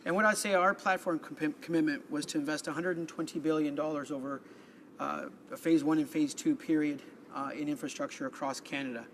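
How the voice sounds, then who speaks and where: A man's voice: fairly high pitch, fairly even intonation, brisk, slight background noise. A man giving a formal parliament speech as a member, reading prepared remarks and stumbling over the odd word. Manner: reads prepared remarks, stumbling and restarting on words. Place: legislative chamber.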